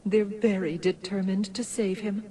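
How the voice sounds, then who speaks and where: A woman voicing a kindly, solemn fairy in an animated video game, speaking gently and formally. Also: medium pitch, normal speed, lightly acted. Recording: slightly distant, faint background noise.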